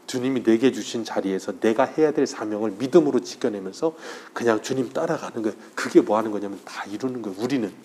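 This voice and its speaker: A male pastor giving a Sunday morning sermon in church, telling a story with feeling and swinging between loud passages and hushed ones. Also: lowish voice, fast talker, hardly any pauses. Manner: acts out quoted voices softly. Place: church sanctuary during worship.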